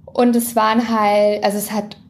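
A woman's voice: medium pitch, little pitch movement, moderate pace. A woman in her late thirties co-hosting a podcast, talking frankly and with self-deprecating humor. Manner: candid, self-deprecating, laughs often. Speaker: podcast co-host. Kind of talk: frank casual conversation.

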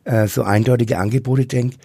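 A middle-aged man with a husky, gravelly voice, talking candidly and haltingly as an interview guest. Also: medium pitch, fairly even intonation, mellow, no echo. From Franconia, Germany. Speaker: interview guest, drag queen and queer activist.

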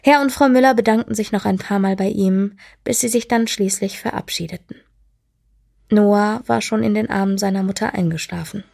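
Gravelly woman reading a story. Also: medium pitch. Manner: steady, measured narration. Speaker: narrator.

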